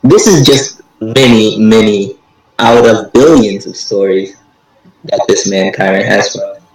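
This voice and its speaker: A man's voice: fairly low pitch, a little slow. A podcast co-host, a man, teases his friend and wraps up the episode in casual chat. He sits well back from the mic, and the room around him rings with echo. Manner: laughing, teasing, wraps up the show. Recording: very echoey, far from the mic.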